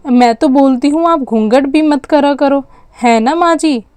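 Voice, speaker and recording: A woman's voice: high-pitched, measured pace, darkish tone, no echo. A woman voicing a chatty young aunt in a doll story, eager and persuasive. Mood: coaxing. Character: young sister-in-law aunt, chatty and bossy. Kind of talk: storytelling with dolls.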